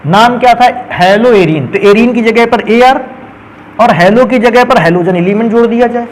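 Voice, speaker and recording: A man's voice: very high voice, normal speed, slight background noise, rough recording. A man teaching a chemistry lesson who keeps asking his students questions and answering them himself, speaking. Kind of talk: classroom lecture.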